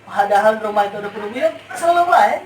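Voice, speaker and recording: A woman with a mid-range voice tells a casual story about seeing ghosts, speaking very fast and with animation while repeating phrases for emphasis. She's a guest, and the recording is roomy, with a distant mic picking up background noise.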